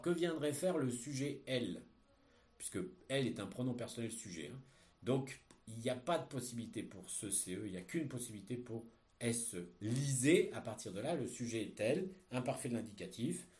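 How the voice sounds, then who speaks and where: Guy teacher dictating bit by bit, explaining spelling and grammar as he goes, mid-pitched voice. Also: a little mellow. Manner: dictates word groups slowly and deliberately, then explains didactically. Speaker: French teacher.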